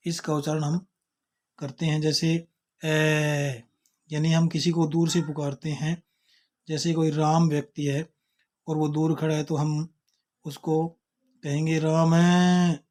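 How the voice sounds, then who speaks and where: A man gives a slow, careful grammar lesson in a fairly high voice. He explains each point patiently, repeats himself and names letters one at a time. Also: warm tone. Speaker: Sanskrit teacher.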